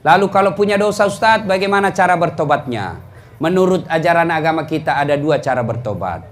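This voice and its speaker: High-voiced preacher, animated. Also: male voice. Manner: animated storytelling with sudden loud bursts; drawn-out chanted prayer phrases. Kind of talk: comic sermon to a live audience. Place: hall with a live audience.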